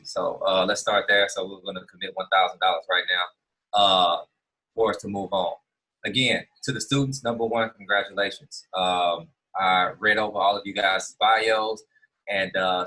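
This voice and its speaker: A man's voice: low voice, bright, forceful tone, breathy edge, poor audio. Earnest man giving a keynote. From Houston, Texas. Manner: earnest, with frequent fillers and restarts. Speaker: keynote speaker. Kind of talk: motivational speech.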